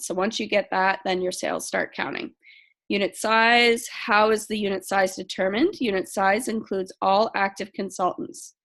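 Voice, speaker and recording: A woman's voice: mid-range voice, fairly bright tone. A woman casually walking a sales team through program rules, reading questions aloud and answering them with frequent ums. She says she is losing her voice. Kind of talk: casual training talk.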